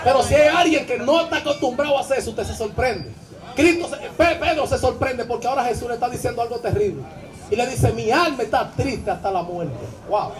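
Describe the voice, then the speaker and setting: High-voiced preacher shouting. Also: male voice, quick pace. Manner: shouting, sing-song chanted exhortations. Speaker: evangelist preacher. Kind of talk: impassioned live sermon. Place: church service. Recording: live church audio with music and crowd. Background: music and congregation.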